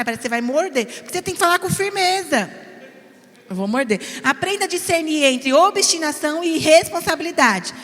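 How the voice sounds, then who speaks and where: A middle-aged woman with a São Paulo Brazilian accent leads a parenting class at church. Her voice sits high, and the big hall adds a long ringing tail to her words. She speaks with emphasis, slips in jokes and keeps checking that the listeners follow. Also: a bit bright. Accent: Brazilian Portuguese, São Paulo. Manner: emphatic and joking, often checks in with the audience. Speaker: church parenting course teacher.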